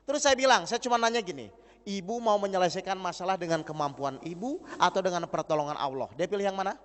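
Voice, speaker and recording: A man preaching a lively sermon, acting out dialogue and putting questions to the audience. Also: high-pitched, fast talker. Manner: animated, acts out dialogue, asks the audience questions. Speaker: Islamic preacher. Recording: long hall reverb.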